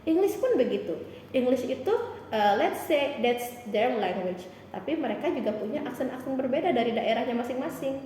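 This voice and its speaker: A woman English teacher with a Palembang accent, giving encouraging, animated answers in an interview. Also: sits high, normal speed, slight background noise. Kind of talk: explanatory interview answers mixing Indonesian and English. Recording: echoey hall.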